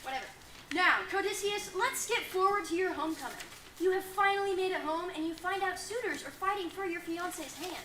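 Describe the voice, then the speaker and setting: A woman's voice: extremely high pitch, a little fast, pushed and bright. A woman playing a perky dating-show host. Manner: perky, bubbly, announcer-like. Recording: roomy echo, faint noise.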